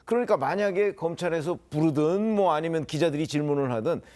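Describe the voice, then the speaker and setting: A man speaks as a panelist on a political discussion show and disagrees with the previous speaker. He sounds skeptical and challenging as he argues. His voice sits a little high for a man. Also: brisk, a little mellow.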